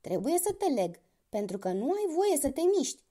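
A cunning young hunter from a children's storybook, acted out by a woman storyteller, calm and sly as he gives orders. The voice sits high and swings lively in pitch. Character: young clever male hunter posing as a healer.

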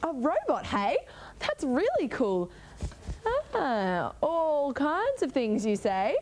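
Playful woman presenter, lively pitch. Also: takes it slowly, slight background noise. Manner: encouraging, playful questioning. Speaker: children's TV presenter. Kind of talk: interviewing a child. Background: music.

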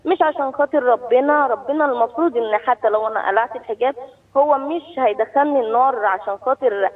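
Radio show caller: young Cairene woman on a tinny, distant phone line, quick and breathy. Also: on the high side. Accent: Cairene Egyptian Arabic. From Egypt. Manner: earnest, halting, with frequent pauses. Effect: phone call heard over the radio. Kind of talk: telling a personal story on air.

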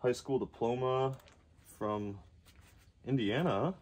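A man's voice: mid-range voice, slow pace, darkish tone, a little hiss or hum. A man giving casual commentary to himself as he digs through boxes in a cluttered storage locker. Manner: mutters to himself while digging through boxes. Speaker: reseller vlogger.

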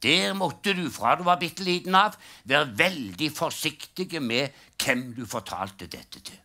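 A man's voice: fairly high pitch, lively intonation, sharp tone. An older man doing a live stand-up routine, telling jokes in a dry storytelling way and acting out the punchlines. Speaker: stand-up comedian. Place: live comedy stage.

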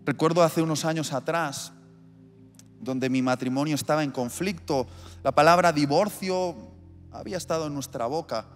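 Long hall reverb and gentle background music surround a male pastor as he preaches, bringing scenes to life through dramatic storytelling. His voice sits a little high and moves at a moderate pace.

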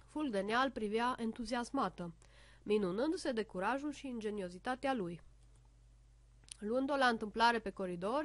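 A woman narrates a children's storybook in an expressive, lively manner. Her voice sits on the high side, and the sound is close and dry. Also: no room sound.

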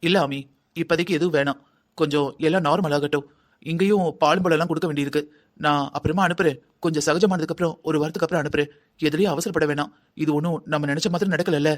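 Cartoon mom calmly telling her son it's fate, voiced by an actor, quick talker. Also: deep voice, natural voice. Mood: firm. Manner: soothing, insistent. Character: calm middle-aged mother, firm and fatalistic. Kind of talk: cartoon drama dialogue.

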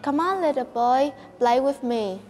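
A generous apple tree, voiced by a woman storyteller speaks in a soothing, fairly high voice. The reading carries a long echo, with faint music underneath. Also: animated, a little slow, a little mellow.

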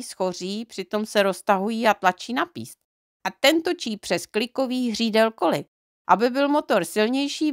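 A woman's voice: medium pitch, fairly bright tone, no echo, lightly acted. A friendly male driver from a storybook, a chatty know-it-all, as a woman reads him. He explains things at length in an easy, talkative way. The sound is dry and close. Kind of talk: storybook reading.

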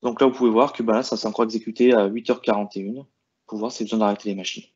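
Man walking through software settings. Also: on the low side, steady tone, very fast, breathy edge, dull audio. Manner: hesitant, many "euh" and restarts while clicking through settings. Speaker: IT presenter. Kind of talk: screen-share tech walkthrough.

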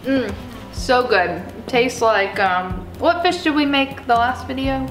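Higher-voiced woman explaining a recipe. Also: takes it slowly, a bit bright, roomy sound, faint music behind. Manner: explains steps plainly and chattily. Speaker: home cook. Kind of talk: casual cooking demo.

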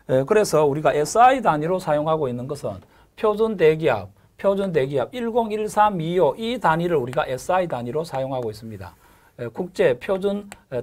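A middle-aged man giving a recorded exam-prep lecture, repeating key terms, filling pauses with a drawn-out "에" and checking in with "그죠?" after each point. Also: on the high side. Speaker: lecturer for a gas engineering exam course.

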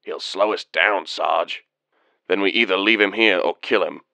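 A man's voice: low-pitched, unhurried, vocal fry, bright, forceful tone, no room sound, full character voice. A man voicing a blunt male clone soldier in clipped, dry lines. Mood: gruff.

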